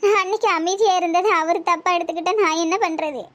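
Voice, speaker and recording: A woman's voice: very high-pitched, steady tone, quick pace. A woman with a Tirunelveli Tamil accent voicing a heartbroken young woman in a cartoon, lamenting in self-pity. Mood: sorrowful.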